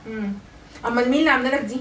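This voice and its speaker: High, rapid-fire scolding Egyptian woman. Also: fairly bright tone, slight background noise. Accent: Egyptian Arabic. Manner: repeats demands, scolding. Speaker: wife, channel co-host. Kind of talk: casual heated argument at home. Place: home room. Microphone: phone set up across the room. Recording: echoey room, camera far off.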